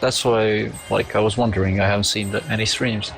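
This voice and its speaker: A man's voice: lowish voice, steady tone, fairly quick, gravelly, a bit bright, faint music behind. A man chatting casually and making teasing jokes as a co-commentator. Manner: jokey, teasing. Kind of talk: casual chat.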